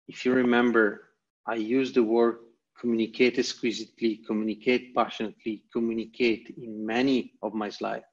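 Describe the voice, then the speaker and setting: This Italian man from Italy has a husky, medium-pitched voice and an Italian accent. Appearing as a guest presenter, he delivers a motivational online lecture over a video call using emphatic short phrases he repeats, and the audio sounds dull and lo-fi.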